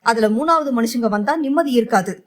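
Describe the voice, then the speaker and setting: A woman's voice: fairly high pitch, brisk, natural voice. A woman voicing a scheming, pushy middle-aged mother-in-law in an audio novel, pleading emotionally. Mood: coaxing.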